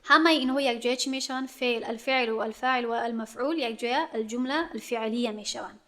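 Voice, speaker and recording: A woman's voice: a little high, fairly even intonation, a bit bright. Woman teaching grammar. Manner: explains step by step, checks understanding with questions. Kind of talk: classroom grammar lesson.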